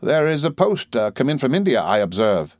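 A man voicing a grave, measured middle-aged lawyer who speaks dryly. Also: mid-range voice, big pitch swings, darkish tone, no room sound, pitched above the performer's own voice, lightly acted.

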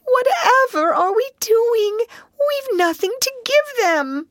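An earnest little mole fellow acted by a woman from a storybook, easily stirred and excitable. The voice sits well up high and swoops freely, in a dry recording. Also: takes it slowly, no room sound, exaggerated voice. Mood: despairing. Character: eager, emotional male mole, easily upset.

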